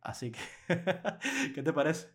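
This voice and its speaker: A man co-hosting a casual podcast chat, animated and laughing often, acting out quoted clients in lively bursts. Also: a little high, slow pace. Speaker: podcast co-host.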